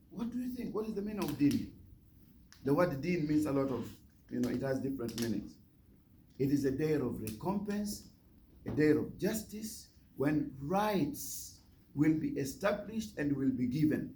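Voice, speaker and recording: Male imam lecturing, really mellow dark voice, repeats himself and quizzes the listeners, some background noise. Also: fairly high pitch, big pitch swings, moderate pace, low-quality recording. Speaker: imam, guest speaker. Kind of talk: religious lecture to an audience.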